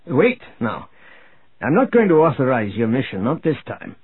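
A man voicing a calm, authoritative male military commander in an audiobook. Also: medium pitch, normal speed, husky, full character voice. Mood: firm. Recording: tinny phone-like audio.

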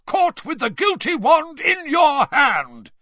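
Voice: medium pitch, big pitch swings, normal speed, no room sound, muffled recording, pitched above the performer's own voice. Narrator acting a blustering, growling wizard official. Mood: roaring. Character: hot-tempered accusing middle-aged male wizard official.

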